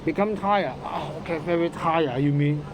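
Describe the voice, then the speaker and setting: A man from Hong Kong with a Cantonese accent and Cantonese as his first language, talking as a student in a casual lesson, halting and repeating words and short phrases. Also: fairly high pitch, background noise. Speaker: student in an English writing lesson. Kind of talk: casual one-to-one lesson talk.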